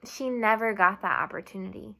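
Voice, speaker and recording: A young woman teacher leads a video lesson for children, speaking slowly and clearly as she switches between English and Spanish and asks the students to repeat after her. Her voice is mid-range with a sharp tone.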